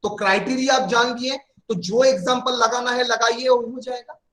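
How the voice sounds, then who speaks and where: High-voiced man teaching in an echoey room. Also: fairly even intonation, a bit bright. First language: Bengali. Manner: repeats definitions slowly, calls students "beta". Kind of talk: classroom accounting lesson.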